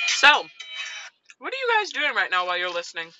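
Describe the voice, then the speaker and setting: A woman's voice: medium pitch, huge pitch swings, fairly quick, sharp tone, dull audio, soft background music. A young woman co-hosting a podcast, chatting casually in a parked car and eating as she talks. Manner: chatty, eating between lines. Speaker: podcast co-host.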